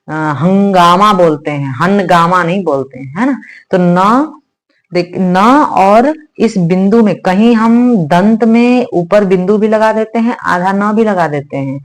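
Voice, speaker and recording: A woman teaching Sanskrit grammar in an online lesson, explaining slowly and repeating sounds for her students to say. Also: lowish voice. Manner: addresses viewers as "beta", asks "hai na?".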